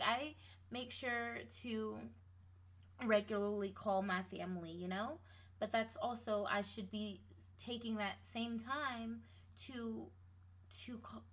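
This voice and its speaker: A woman with a somewhat high voice talks slowly and casually to her listeners. She rambles and restarts her sentences, piling on fillers as she goes, with a playful, sassy edge. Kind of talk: casual motivational monologue.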